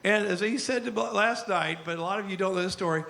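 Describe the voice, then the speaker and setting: A middle-aged man, the father of the bride, telling rambling, animated stories in a wedding toast at a reception. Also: sits high, fairly quick, creaky. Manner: storytelling, animated, rambling with restarts.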